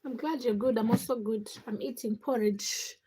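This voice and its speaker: A woman with a Ugandan accent hosts a livestream, chatting casually with viewers in short, fragmented phrases that she often repeats. Her voice is fairly high yet dark-toned, steady, with a breathy edge, at a normal pace. The recording quality is low.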